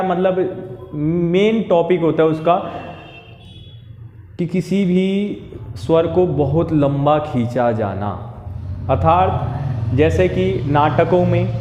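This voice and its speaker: A man giving a classroom lesson, explaining slowly and repeating each term. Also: on the high side, darkish tone. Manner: explains slowly, stretching out sounds and repeating terms. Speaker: teacher. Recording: echoey room with long reverb.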